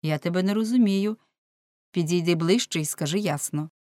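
A woman's voice: fairly low pitch, moderate pace, a little mellow, dry recording, studio quality, close to an everyday voice. A woman reading the part of a bold, teasing young man in an audiobook, in a forthright manner.

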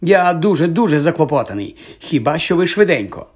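A man's voice: on the high side, sing-song, fairly quick, husky, pitched above the performer's own voice. Lockhart, a man putting on a vain stammering wizard professor. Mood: flustered, evasive. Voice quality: pompous, stammering, hesitant fillers. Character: vain flustered male celebrity wizard professor.

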